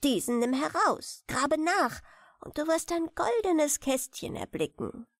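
A woman's voice: high voice, lively intonation, measured pace, no room sound, clean studio sound, voice pushed up. A woman voicing a small, aged, solemn grey dwarf king who pleads earnestly in a German fairy tale. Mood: solemn instructing.

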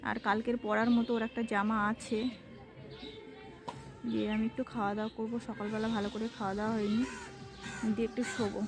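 A woman with a higher-pitched voice talks through her day in a relaxed home vlog. She has a sore throat from a cold, and she chats easily as she describes each chore while she works. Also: quick pace, long pauses. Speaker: home vlogger. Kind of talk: casual home vlog narration.

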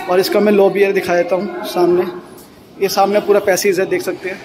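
Brief: man, 30s, chatty property vlogger, high voice, phone at arm's length, faint hiss behind. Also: flat delivery, brisk. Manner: chatty, repeats himself, points things out while walking. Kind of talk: casual walkthrough vlog. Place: new apartment building, indoors and outdoors. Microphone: handheld phone at arm's length.

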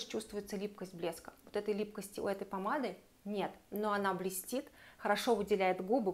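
Chatty woman reviewing beauty products. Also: medium pitch. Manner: chatty, enthusiastic, recommends warmly and addresses viewers directly. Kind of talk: casual product review to camera.

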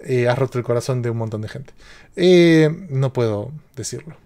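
A man's voice: medium pitch, animated, moderate pace, warm tone. A man, a tech streamer chatting casually on a live stream and joking as he reads out viewer questions.

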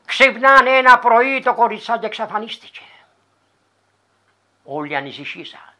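Μια γυναίκα από τη Ρόδο με ροδίτικη προφορά αφηγείται παραδοσιακό παραμύθι με ομοιοκαταληξίες και δραματικές εναλλαγές έντασης. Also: female voice, a little high, big pitch swings, pushed and bright. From Laerma, Rhodes. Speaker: folk storyteller. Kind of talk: traditional folk tale telling.

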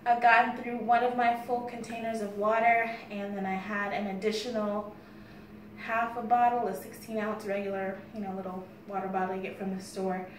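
A woman's voice: medium pitch, little pitch movement, normal speed. An American woman in her thirties chatting casually to the camera as a fitness vlogger. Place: bare-walled room indoors. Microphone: phone camera a few steps away. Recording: echoey room with faint background noise.

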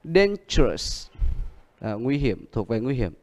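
A man teaching English word stress, explaining in a calm lesson voice and repeating each example word several times. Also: mid-range voice, takes it slowly, big-room sound. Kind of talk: exam prep pronunciation lesson.

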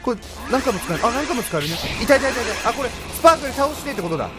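An excitable man fires off game commentary at a rapid clip, his high voice swinging up and down in an animated way. He teases and yells at the screen over loud game music. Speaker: let's play commentator.

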